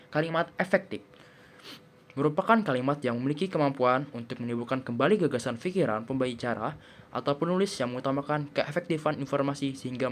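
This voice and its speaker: A man's voice: medium pitch, slight background noise. A young man presenting class material, reading steadily from his notes with small slips and restarts. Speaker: student presenter.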